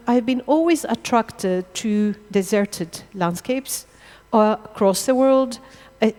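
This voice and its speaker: A middle-aged woman from Israel lectures about her photography. Her voice is smooth, resonant and sits a bit high, and she speaks haltingly as she searches for words. The talk echoes with the long reverb of a large hall. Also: darkish tone. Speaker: architectural photographer giving a lecture. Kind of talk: public lecture. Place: lecture hall under stage lights.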